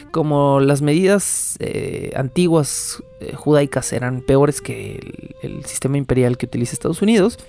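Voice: medium pitch, creaky, darkish tone. A speaker giving a casual, wry, digressive lecture that retells an old text and keeps explaining asides.

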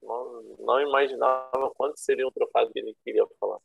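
Talking fast in a mid-range, gravelly voice with a breathy edge and fairly even intonation, this Rio-accented Brazilian guest in his thirties spins loose, slang-filled stories about being a classic car owner. Faint music plays behind him on a roomy, thin-sounding internet call.

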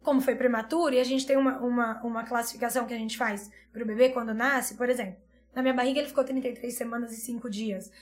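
Woman, 30s, pediatrician; high voice, rapid earnest storytelling that repeats itself. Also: fairly even intonation. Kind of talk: emotional personal story in a podcast chat.

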